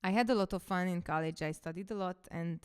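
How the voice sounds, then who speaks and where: A coach and podcaster in her thirties whose first language is Hungarian tells her story in a reflective, casual monologue. She talks fast, with a fairly low, smooth voice.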